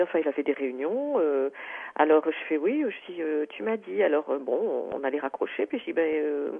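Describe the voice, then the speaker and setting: A woman's voice: deep voice, creaky, slightly rough. Woman on the phone, lots of euh and restarts, tinny phone-line sound. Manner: hesitant, many fillers and restarts. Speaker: caller. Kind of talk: phone-in personal account.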